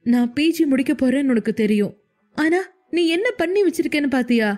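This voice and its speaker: A woman's voice: lively intonation, brisk, a little mellow, soft background music. A woman putting on a tearful young student girl. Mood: tearful pleading. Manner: sobbing, high-pitched pleading.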